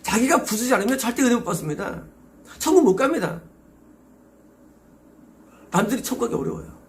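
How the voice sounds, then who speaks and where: Gravelly, high-pitched Korean pastor preaching. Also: male voice, sing-song, a little fast. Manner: emphatic, exhorting with rhetorical questions. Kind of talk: sermon.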